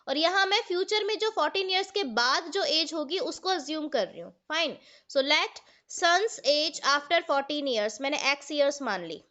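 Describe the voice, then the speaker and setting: Bright-voiced Indian woman teaching maths. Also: high voice, animated, a little slow. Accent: Indian English. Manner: explains step by step, asks the students questions, mixes Hindi and English. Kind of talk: online class lecture. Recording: dull lo-fi online class audio.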